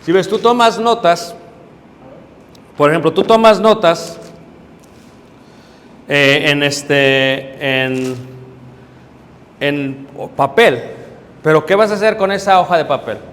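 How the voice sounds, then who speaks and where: A middle-aged man, a preacher, teaching a Bible class, explaining step by step, checking in with his listeners and pausing on hesitant fillers. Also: on the high side, animated, fairly bright tone. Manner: hesitant fillers while searching for words. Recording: reverberant hall with faint background noise.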